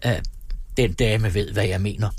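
A man's voice: fairly low pitch, fairly even intonation, slightly rough. A man voicing a nervous male shop clerk in a storybook reading, hesitating and stammering. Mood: apologetic. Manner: stammering, full of "øh".

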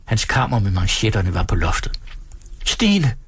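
A man hosting a radio program, reading a novel aloud in calm, measured narration. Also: on the low side, vocal fry, breathy edge, dry recording. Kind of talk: literary reading.

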